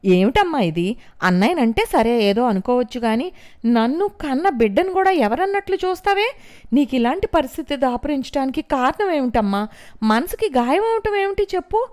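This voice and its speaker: A woman acting out a furious young woman, shrill and very loud, shouting accusations, storybook reading, high pitched. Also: sing-song, moderate pace. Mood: shouting angrily.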